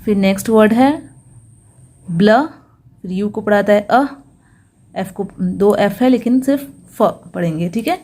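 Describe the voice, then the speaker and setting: A woman teaches English reading step by step, breaking each word into slow, careful sounds before putting it together. Her voice is mellow and warm, at an ordinary middle pitch for a woman, and she checks in with her listeners again and again. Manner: patient, sounds out each syllable slowly, says "ठीक है" often. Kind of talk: step-by-step phonics lesson.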